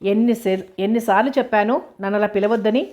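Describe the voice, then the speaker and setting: A woman's voice: medium pitch, fast, a little mellow, natural voice. A woman reading the lines of a teasing, wry young woman in a storybook. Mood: scolding.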